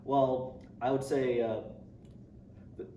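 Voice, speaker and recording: In a warm, level, mid-range voice, a young adult student from Indonesia speaks slowly while answering interview questions. He is casual, with frequent ums, restarts and light laughs, and the audio is roomy and noisy from a distant microphone.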